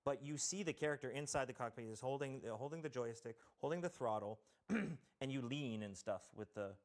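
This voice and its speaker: A man's voice: medium pitch, fairly quick. Give me a man from Canada explaining game development in detail as a show guest. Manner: detailed, explanatory, thinks aloud. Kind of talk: technical talk-show explanation.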